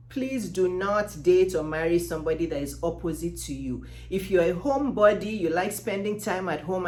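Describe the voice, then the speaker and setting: Passionate Yoruba-accented Nigerian woman, low-pitched. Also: a little mellow. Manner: passionate, emphatic, with repeated rhetorical questions. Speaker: dating advice coach and host. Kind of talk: direct-to-camera advice talk. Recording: roomy, echoing sound.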